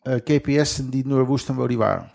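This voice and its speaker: A man's voice: mid-range voice, fairly quick, gravelly, darkish tone. A middle-aged man with a strong Dutch accent, a guest in a casual interview, speaking German plainly with grammar slips. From western Netherlands. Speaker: guest, lifelong sailor.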